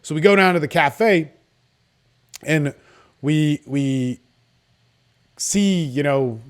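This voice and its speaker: A man's voice: on the high side, slow, clean tone. A man giving informal coaching advice in a confident, salesy, casual way, often checking in with "right?". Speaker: dating coach.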